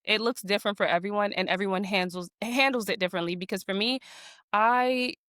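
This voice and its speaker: A woman's voice: mid-range voice, fairly even intonation, a little fast, a bit bright, dry recording. Woman, mother, reflective, searching for words, casual talk, dry recording. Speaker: mother, co-host. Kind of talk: casual heartfelt conversation.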